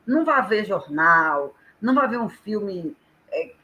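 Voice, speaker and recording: A woman with a Brazilian Portuguese accent, an educator talking on a live stream and explaining things in an animated way. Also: mid-range voice, measured pace, poor audio. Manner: animated, acts out quoted speech vividly.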